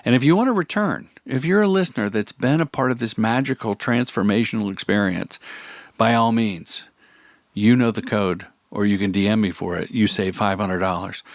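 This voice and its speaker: A man's voice: lowish voice, moderate pace, no room sound, studio quality. A man hosting a podcast interview in casual chat, rambling and talking a mile a minute. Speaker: podcast host.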